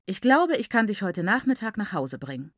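A woman's voice: medium pitch, very animated, moderate pace, no echo. A woman voicing a self-satisfied, paternal uncle who speaks offhandedly. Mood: offhand. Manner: offhand, matter-of-fact. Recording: dry close recording.

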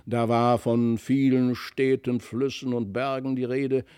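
A man reading a classic tale aloud in measured, even storytelling narration. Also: mid-range voice, clean tone, dry recording, studio quality. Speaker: audiobook reader.

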